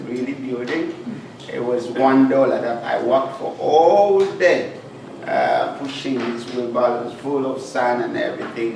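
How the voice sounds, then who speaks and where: Earnest Ugandan-born speaker, gravelly tone, recorded from a distance in a reverberant hall. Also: male voice, medium pitch. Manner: earnest, plain-spoken storytelling with pauses. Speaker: guest speaker. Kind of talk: personal life story talk. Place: club meeting room. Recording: echoey hall, far from mic, noisy.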